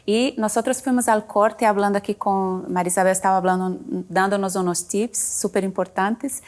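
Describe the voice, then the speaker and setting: A woman hosting a talk show, asking her guests questions and leading into and out of a break. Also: medium pitch. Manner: steady listener, frequent affirming murmurs.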